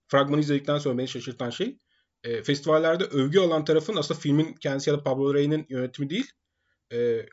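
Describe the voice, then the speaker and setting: A man co-hosts a film podcast, rattling off his opinions at a very quick clip. His voice is a touch high for a man, and the recording sounds dull and lo-fi. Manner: opinionated, rapid, teasing. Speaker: podcast co-host. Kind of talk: casual film chat.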